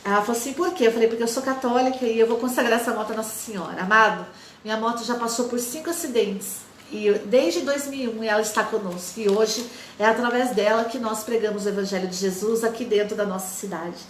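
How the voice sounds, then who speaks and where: A woman's voice: fairly high pitch, fast talker, reverberant, a little hiss or hum. A woman in her forties, a lay missionary, giving an emotional testimony sermon and acting out the dialogue of her story.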